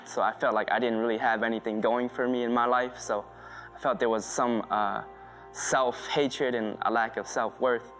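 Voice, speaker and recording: A man's voice: lowish voice, fairly bright tone. A man from Thailand, a spoken word artist and teacher, talking earnestly and reflectively in a documentary interview, often restarting his sentences.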